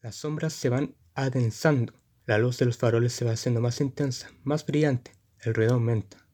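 A man narrating a short story in a measured, descriptive reading. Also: mid-range voice, fairly even intonation, mellow.

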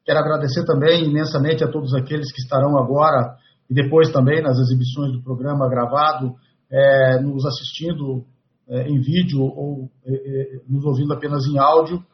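Brazilian male guest, mid-pitched, measured and formal, lo-fi call sound. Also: little pitch movement. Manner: measured, with frequent "eh" fillers. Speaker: guest, president of an organization.

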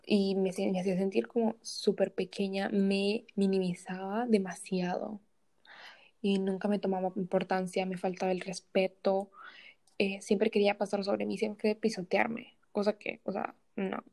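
A young woman, a podcast guest, telling a personal story in a casual, animated way, often saying "o sea" and acting out past conversations. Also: mid-range voice, moderate pace, vocal fry.

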